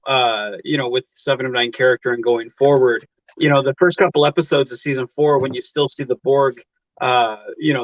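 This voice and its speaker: A man's voice: mid-range voice, fairly bright tone, dry recording. A man hosting a casual interview, rambling and repeating himself with lots of you-knows. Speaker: interview host. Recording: dry, dull lo-fi mic.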